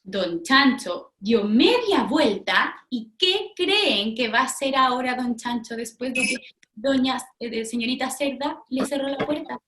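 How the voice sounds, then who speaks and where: A woman teacher reading a storybook aloud and stopping to pose questions, animated and teacherly. Her voice is high and lively in melody, with a roomy echo around it. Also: measured pace, a little hiss or hum. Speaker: pedagogue. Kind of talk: interactive storybook reading demonstration.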